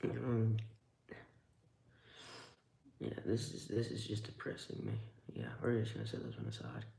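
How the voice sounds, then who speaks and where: A man's voice: on the low side, sing-song, a little slow, vocal fry, mellow, reverberant. A man streaming live, giving casual, rambling commentary with wry remarks as he handles tools.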